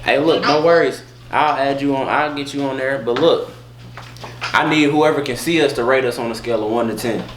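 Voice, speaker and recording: A man's voice: medium pitch, brisk, slight background noise. A man hosting a video chat prank vlog, joking around in streetwise slang. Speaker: vlogger host. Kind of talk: casual banter on video chat app. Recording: roomy, music behind.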